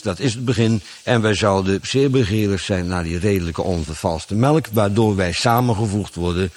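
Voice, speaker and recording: A man preaching a Bible exposition sermon, explaining verses in a didactic way with rhetorical questions and emphatic stresses. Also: mid-range voice.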